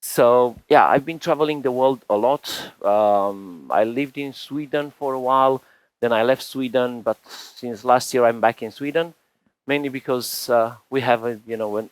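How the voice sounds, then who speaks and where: A man's voice: medium pitch, no echo, rough recording. Romanian-born guy in his 40s doing a tech talk on stage, rambly with lots of "you know", dry sound. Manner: chatty, rambling, frequent restarts and "you know" fillers. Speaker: conference speaker. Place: conference stage.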